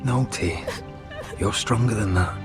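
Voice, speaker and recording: Fantasy game wounded lord male actor: stoic, terse, deep voice, heavy music underneath. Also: measured pace, lightly acted. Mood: weary, resolute. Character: gravely wounded young lord, weary, stoic older brother. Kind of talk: dramatic video game acting. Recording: loud music behind the voice.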